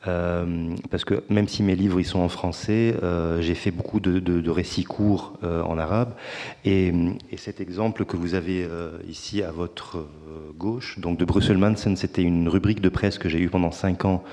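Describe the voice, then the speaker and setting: Low-voiced male panelist, measured and hesitant, reverberant hall. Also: steady tone, mellow. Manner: measured, hesitant with many pauses. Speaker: panelist, comics artist. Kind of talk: panel talk. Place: conference hall.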